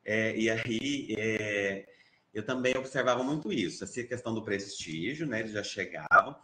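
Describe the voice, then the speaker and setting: A Brazilian-accented English teacher speaks in an online seminar, his voice fairly low, bright, and forceful at a moderate pace. He's hesitant, with many fillers and restarts, but grows livelier when quoting his students. The video call recording has a roomy echo.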